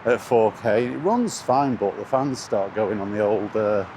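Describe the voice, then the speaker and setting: With a fairly low pitch and lively intonation, a man talks at a measured pace in a relaxed, hesitant, rambling vlog. He's a gaming YouTuber filming handheld outdoors beside traffic, and urban vehicle noise makes the recording noisy.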